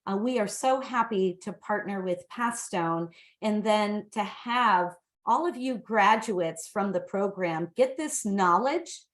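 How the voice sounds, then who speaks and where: A woman's voice: mid-range voice, slow pace. A woman speaking for a sponsor, giving enthusiastic welcome remarks with some fillers. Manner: enthusiastic, warm praise with fillers. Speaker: sponsor representative. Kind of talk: welcome remarks on a video call.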